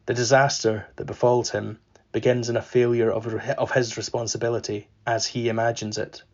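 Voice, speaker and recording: A man reading a passage of literary fiction aloud for his podcast, in a measured, unhurried way with deliberate pauses. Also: on the low side, vocal fry, slightly rough, muffled recording. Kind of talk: literary reading with spoken afterword.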